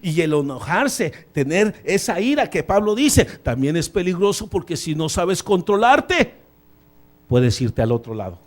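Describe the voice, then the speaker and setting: A man preaches in a church, his fairly high voice climbing for emphasis and then dropping to quiet asides. He is lively and informal, tossing in English phrases as he leads the congregation through scripture. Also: a little slow, faint music behind. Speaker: pastor. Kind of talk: sermon. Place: church sanctuary.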